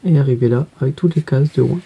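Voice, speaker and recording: A woman teacher guiding pupils through a reading workbook, spelling letters out slowly and carefully. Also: a bass voice, breathy edge, muffled recording.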